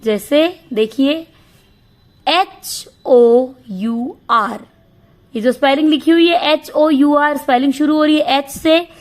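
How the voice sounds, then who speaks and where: A woman teaching an English grammar lesson. She asks questions and answers them herself, and reads English rules slowly, word by word. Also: high-pitched, a little mellow.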